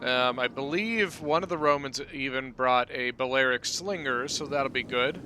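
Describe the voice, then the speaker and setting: Speaking at a moderate pace in a mid-range voice, this gaming channel host talks through a battle replay in an easygoing, conversational way. His commentary is dotted with "uh" and "you know."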